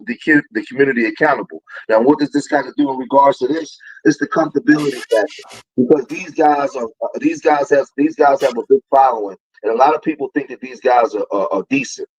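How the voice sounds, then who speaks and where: A man in his forties talks over a phone line. His voice is husky and mid-pitched. He lectures with rising conviction. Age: 40s. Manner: preachy, grows heated and louder. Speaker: guest. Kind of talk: casual talk on a livestream.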